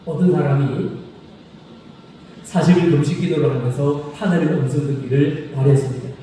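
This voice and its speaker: A male pastor delivers a sermon in a church sanctuary, his slightly raised but deeply mellow voice reaching a distant mic. Long hall reverb wraps every phrase, with faint noise underneath. He asks the congregation questions and repeats the key phrases. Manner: slow, solemn scripture reading.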